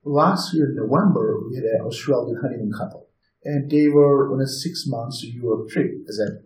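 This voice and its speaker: A Turkish man in his forties, an inn owner and balloon pilot, tells lively stories as a guest in a casual interview. He speaks halting English as a non-native speaker, with a Turkish accent and a mid-range voice. He is chatty and animated, and the recording has a roomy echo.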